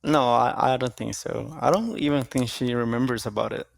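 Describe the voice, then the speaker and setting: Gravelly-voiced young man in a dry interview. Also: mid-range voice, no room sound. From Costa Rica. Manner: relaxed, halting, with restarts. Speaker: jiu-jitsu athlete, guest. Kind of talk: casual interview answers.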